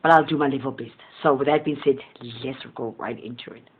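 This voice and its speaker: The host of a motivational channel gives a casual spiritual monologue in a mid-range, slightly rough voice, speaking a little fast over a tinny, phone-like sound. Southern Sesotho is his first language, and he rambles gently and earnestly, chuckling often.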